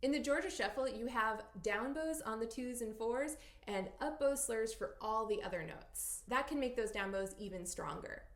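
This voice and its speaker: A woman teaching fiddle technique, explaining clearly and counting beats aloud. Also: on the high side, moderate pace, few pauses, roomy sound, music in the background. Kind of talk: instructional tutorial.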